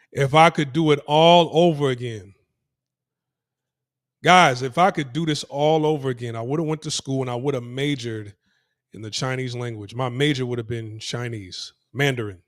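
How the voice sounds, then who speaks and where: His mid-range voice comes through with no room sound and clean studio quality. A native English speaker, he's doing a casual walking vlog on city streets, talking to camera in a rambling way full of restarts and repeated phrases.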